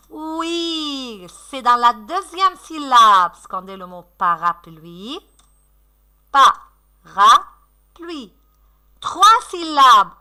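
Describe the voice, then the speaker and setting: A woman teacher recording a lesson for young children, slow, sing-song and encouraging, stretching out her words. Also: fairly high pitch, bright, forceful tone.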